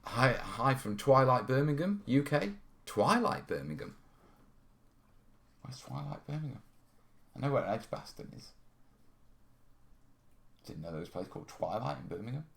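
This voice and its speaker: His medium-pitched voice is sing-song and fairly bright, with vocal fry and long pauses at a normal speed. He's a North Wales man hosting a live terrain-modelling hobby stream in a studio, answering questions in a loose, rambling way peppered with "yeah" and "you know."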